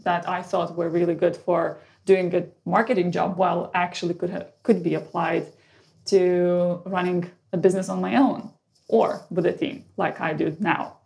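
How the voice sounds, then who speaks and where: Lithuanian woman with a gravelly low voice. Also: little pitch movement, normal speed, a little mellow. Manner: conversational, restarts mid-sentence. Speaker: startup co-founder guest. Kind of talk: self-introduction on a podcast.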